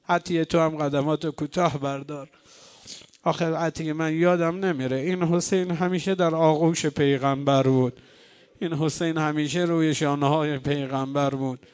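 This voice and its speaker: A man delivers a mourning sermon to a congregation in a high, clear voice. He tells the story steadily, in the manner of a storytelling preacher. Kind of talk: mourning sermon with chanted lament.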